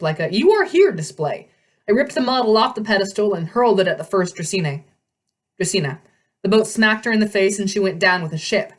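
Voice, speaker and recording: A woman reading a novel aloud with animated delivery, often stumbling and correcting herself. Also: medium pitch. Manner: animated reading, frequent slips and self-corrections. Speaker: read-aloud host.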